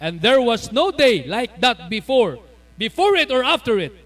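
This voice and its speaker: A man preaching a sermon as pastor, animated, breaking into shouts and laughter as he tells stories. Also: very high-pitched, a little slow.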